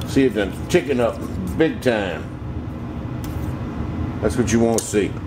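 A man's voice: medium pitch, music in the background. A middle-aged man with a Southern US accent talking in a folksy, plain-spoken way as he demonstrates home cooking in a casual vlog. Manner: folksy, unhurried, plain-spoken with mild swearing. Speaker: home cook demonstrating a recipe. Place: home kitchen, indoors. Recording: clear background kitchen hum noise.

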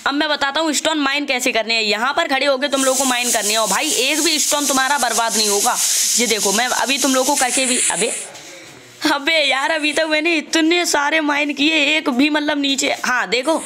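A man giving casual gameplay commentary, chatty and walking the viewer through each step, stopping to fix his own mistakes out loud. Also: very high-pitched, brisk, slight background noise. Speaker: gaming channel host.

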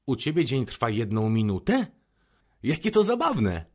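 A man voicing a curious, gentle little boy prince who asks eager questions. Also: mid-range voice, sing-song, measured pace. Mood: wondering.

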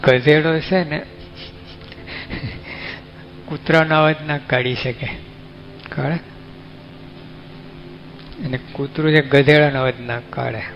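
A man's voice: on the high side, steady tone, slow, pauses often, slight background noise. A man with a Gujarati accent, giving a folksy, conversational sermon as a monk, often asking his listeners questions. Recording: dull lo-fi recording with faint music.

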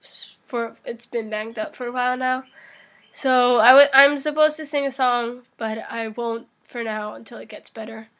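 A hoarse young woman rambling casually through a voice-meme recording, with lots of fillers and laughs. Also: a little high, steady tone, moderate pace, fairly bright tone. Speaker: channel uploader.

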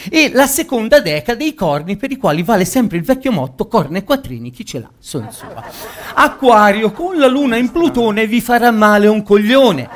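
A man's voice: high voice, sing-song, normal speed, hardly any pauses, a little hiss or hum. A male comedian in a cabaret sketch, reading a joke horoscope with theatrical, punning delivery.

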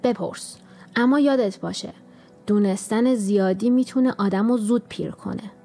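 A woman's voice: mid-range voice, warm tone, soft background music, lightly acted. A woman voicing a sneering, commanding old witch in a storybook, with a nasal, sarcastic manner. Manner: sarcastic, bossy.

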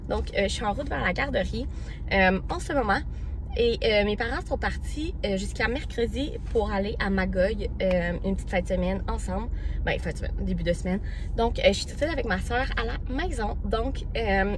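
A woman's voice: a little high, echoey room, background noise. A young woman with a Quebec French accent, chatting casually to her viewers as she vlogs her day and walks through a simple recipe. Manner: chatty, easygoing, talks straight to viewers. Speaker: vlogger. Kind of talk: casual vlog chat and cooking walkthrough. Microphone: camera on tripod.

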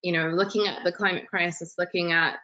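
Young woman guest, bright tense tone, enthusiastic, lo-fi webcam sound. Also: on the low side, fairly even intonation, fairly quick. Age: 20s. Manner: enthusiastic, expansive, talks with her hands. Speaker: webinar guest. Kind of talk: online panel interview. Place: living room at home. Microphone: laptop webcam video call. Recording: dull lo-fi video call audio.

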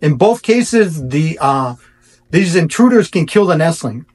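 A man's voice: fairly high pitch, very animated, unhurried, a little mellow, slightly rough. A middle-aged man, a barn owl researcher, explains to camera in a reassuring way, often restarting his sentences. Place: indoor room.

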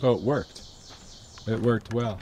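A man's voice: on the low side, slow pace, warm tone, slight background noise. Chatty man vlogging outdoors in a forest. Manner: enthusiastic, chatty, thinks aloud with fillers. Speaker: nature vlogger. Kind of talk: casual outdoor vlog narration. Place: pine forest campsite outdoors. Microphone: handheld camera at arm's length.

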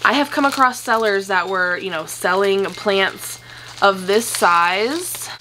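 A young woman talking casually to camera at home, gushing and excitable as she unboxes, with the odd swear slipping out. Her voice sits at an ordinary middle pitch. A faint hiss runs under the recording. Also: takes it slowly. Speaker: plant vlogger.

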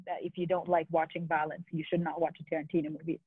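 Young woman from italy, outspoken, low voice, tinny dry video call sound. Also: flat delivery, breathy edge, no room sound. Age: young adult. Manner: opinionated, quick and outspoken. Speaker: student. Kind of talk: casual video call chat. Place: living room with a sofa. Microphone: earbuds on a video call.

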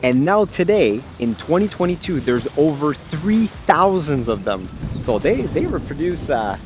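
Lively upbeat man vlogging. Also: on the high side, measured pace, music in the background. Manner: upbeat, chatty, laughs often. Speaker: travel vlogger host. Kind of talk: casual travel vlog chat. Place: inside an old jeep, then outdoors in rain.

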